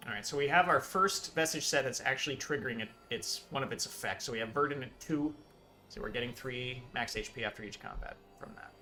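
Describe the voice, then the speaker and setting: A man's voice: mid-range voice, brisk, sharp tone, a little hiss or hum. A man leading a casual gameplay chat on a stream, upbeat and thinking aloud as he plays. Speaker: game studio head playing on a stream.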